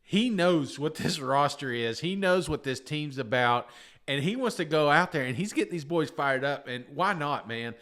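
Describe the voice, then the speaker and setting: A man's voice: a little high, expressive, moderate pace, fairly bright tone. A man giving casual, emphatic sports commentary as an enthusiastic co-host who repeats himself for effect.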